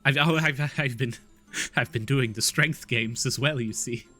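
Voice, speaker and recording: A man voicing an excitable little halfling man at a carnival who stammers and gushes. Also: medium pitch, moderate pace, faint music behind, natural voice. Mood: rambling. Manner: stammering, gushing, eager.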